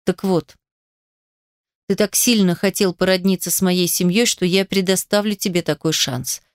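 Woman voicing a calm, mocking monster husband, unhurried and smooth, dry close read. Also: fairly low pitch, no room sound, close to an everyday voice. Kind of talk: audiobook reading.

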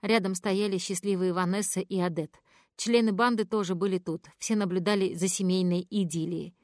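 A woman narrating a first-person novel, giving the characters' lines expressive voices. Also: mid-range voice, normal speed, no room sound, studio quality. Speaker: audiobook narrator.

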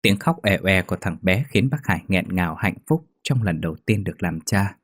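Deep-voiced man telling a ghost story. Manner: steady, measured reading. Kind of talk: scripted ghost story narration. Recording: faint music behind.

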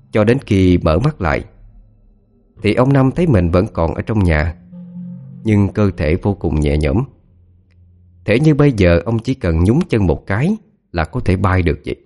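A man telling a scripted ghost story in a dramatic, expressive way. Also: sits low.

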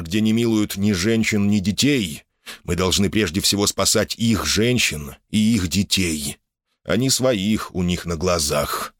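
A man voicing a brooding, hot-tempered male leader who speaks earnestly and can burst into angry shouts, in an audiobook. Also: fairly low pitch, dry recording, clean studio sound.

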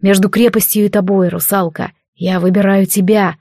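A woman's voice: medium pitch, flat delivery, normal speed, mellow, no echo, studio quality, lightly acted. A woman reading an audiobook, voicing a proud, resolute young male warrior leader in a firm, declarative way.

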